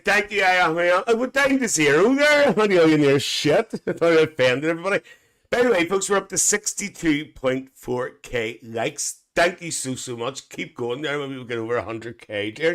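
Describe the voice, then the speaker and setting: Playing a gossipy older aunty, a male livestream host reads viewer comments and jokes around bawdily, laughing often and addressing everyone as dear. His voice is a little high, fairly bright, and exaggerated.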